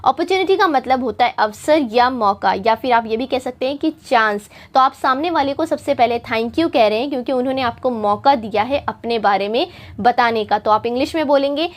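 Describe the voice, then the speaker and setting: A woman from India teaching a spoken English lesson, patient and repetitive, stretching out her English example phrases slowly. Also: fairly high pitch. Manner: patient, repeats points for students.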